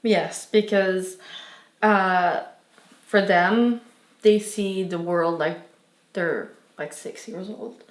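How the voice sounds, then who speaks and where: A young woman, a native French speaker with a French accent, answers interview questions earnestly and thoughtfully, with many fillers and restarts. Her voice is lowish and the sound is roomy.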